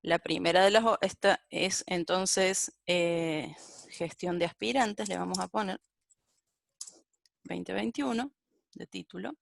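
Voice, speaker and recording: A woman's voice: fairly low pitch, slow, vocal fry, dry recording, studio quality. A woman giving a live-coding programming lecture and thinking aloud as she types and corrects herself. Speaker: programming teacher.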